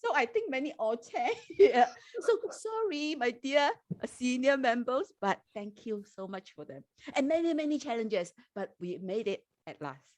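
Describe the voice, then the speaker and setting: A woman with a fairly high voice talks haltingly, her English clearly not her first language. She hesitates, fills pauses, and laughs often as she explains directing a radio play. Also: very animated. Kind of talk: casual panel talk. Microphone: own mic at her seat.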